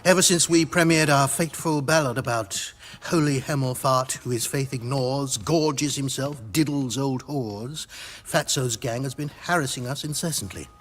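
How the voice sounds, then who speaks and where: A man's voice: medium pitch, moderate pace, lightly acted. A man playing a harassed, theatrical balladeer in a video game, rueful and given to declaiming.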